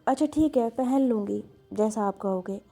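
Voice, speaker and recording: A gentle young bride, voiced by a woman storyteller, soft and hesitant. Her tone is mellow and a little high, over faint music. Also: normal speed, vocal fry. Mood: obliging.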